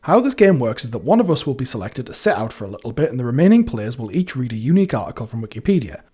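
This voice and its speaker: Brisk, lively man explaining rules. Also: mid-range voice, over loud music.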